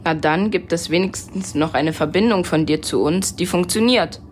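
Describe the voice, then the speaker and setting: A woman's voice: lowish voice, normal speed, a little hiss or hum. A woman hosting scripted radio for children.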